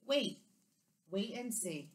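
A patient, loving mother of twin boys, as a woman teacher reads her lines, speaking softly and reassuringly. She is gently firm and encouraging, in an unhurried storybook read-aloud delivery. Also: mid-range voice, expressive. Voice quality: gentle, soft-spoken.

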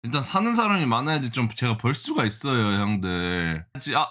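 Animated young man reacting to stocks. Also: medium pitch, moderate pace, slight background noise. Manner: exasperated, talks to the chart, jokey banter with viewers. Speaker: stock-trading vlogger. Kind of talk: live reaction commentary.

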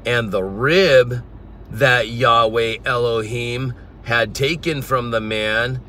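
Man in his own voice, unhurried Bible teacher working through verses outdoors, bright tone, faint traffic behind. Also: mid-range voice. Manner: reads scripture aloud and explains it verse by verse. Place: outdoors in a garden.

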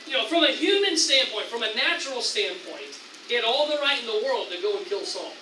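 A man with an American accent preaching a sermon as pastor, animated, acting out tempting voices with excited raised lines. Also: extremely high pitch, brisk, roomy sound, far from the mic, slight background noise, low-quality recording. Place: church sanctuary.

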